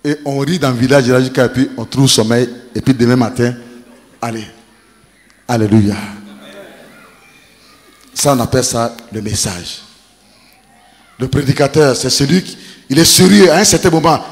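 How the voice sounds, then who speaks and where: A man preaching, telling funny family stories with laughter and animated delivery. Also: mid-range voice, normal speed, long pauses, big-room sound. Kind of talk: humorous sermon storytelling.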